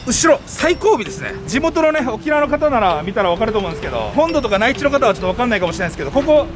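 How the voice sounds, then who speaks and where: Male food vlogger, upbeat and chatty, high-pitched and very fast. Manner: excited, enthusiastic, animated. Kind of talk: casual chatty restaurant review. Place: outdoors on a city street. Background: background music.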